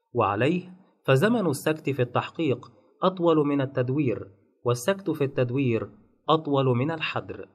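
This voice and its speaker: A man calmly narrating a lesson on Quran recitation rules, listing points one by one. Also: medium pitch. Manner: measured, enumerating rules point by point. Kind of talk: scripted instructional narration.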